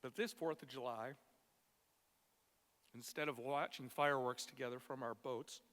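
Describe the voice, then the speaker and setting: A man delivering a prepared funeral eulogy for a friend, tender and measured, in short phrases with weighted pauses. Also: medium pitch, steady tone, fairly bright tone. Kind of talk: prepared memorial speech. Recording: long echoing reverb of a hall.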